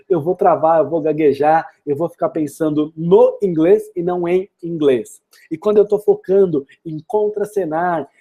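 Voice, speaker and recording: A Brazilian man gives an upbeat online English lesson and drives his points home with rhetorical questions. His voice sits a little high for a man, but its tone is very dark and mellow. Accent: Brazilian Portuguese. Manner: energetic and encouraging, with frequent rhetorical questions. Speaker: English teacher.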